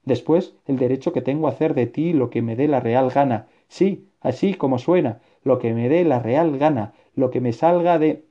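Guy reading a cranky proud writer losing patience, raised exasperated voice, deep mellow, muffled audio. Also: moderate pace, hardly any pauses, lightly acted. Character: irritable middle-aged male author, hot-tempered, proud. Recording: dull lo-fi recording.

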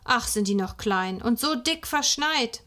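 A woman's voice: a little high, expressive, a little slow, sharp tone. A woman voicing a young girl, a sensible and slightly bossy older sister. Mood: bright.

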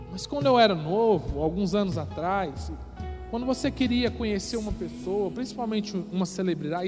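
A man preaching emphatically to a youth congregation as pastor. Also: sits high. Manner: emphatic, addresses the congregation directly. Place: church sanctuary. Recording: reverberant church hall with music behind.

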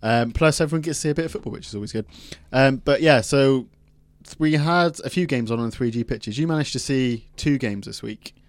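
Laid-back radio co-host. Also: male voice, mid-range voice, a little fast, hardly any pauses, dry recording. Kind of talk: casual chat.

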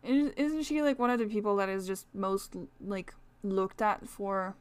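A woman's voice: mid-range voice, measured pace, clear, resonant tone. Chatty woman with a French accent. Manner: chatty, rambling, many fillers and laughs. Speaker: astrology podcast host. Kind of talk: casual solo podcast talk.

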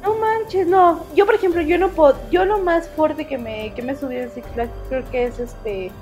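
A Mexican woman in casual chat, talking in an animated way with frequent exclamations. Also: high voice, normal speed, faint music behind. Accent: Mexican Spanish.

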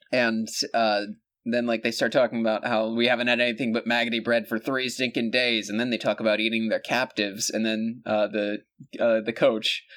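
Dude cohosting a podcast, rambly and jokey, lots of uhs and restarts, normal pitch. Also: male voice, flat delivery, normal speed, a bit bright. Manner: rambling, joking, many fillers and restarts. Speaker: podcast co-host. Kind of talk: casual comedic chat.

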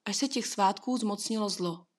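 A woman voicing a sad, kindly bearded man of middle age in a storybook, speaking gently and a little reproachfully. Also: high-pitched, natural voice.

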